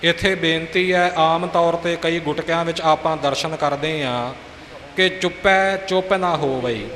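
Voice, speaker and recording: A man with a Punjabi accent giving a patient pronunciation lesson, drawing out each word slowly to demonstrate it. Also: fairly high pitch, steady tone, a bit bright. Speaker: Gurbani pronunciation teacher. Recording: echoey hall with faint hiss.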